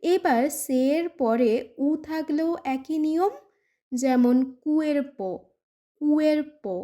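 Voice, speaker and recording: A woman's voice: sits high, slow pace, warm tone. A woman teaching a pronunciation lesson in Bengali, patiently saying each example word twice. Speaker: language teacher. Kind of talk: slow scripted pronunciation lesson.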